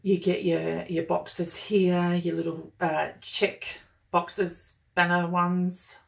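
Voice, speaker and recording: A woman's voice: on the low side, creaky. A woman talking casually and enthusiastically as she unboxes and reviews a planner kit, gushing over each item. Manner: gushing and enthusiastic, chatty with fillers.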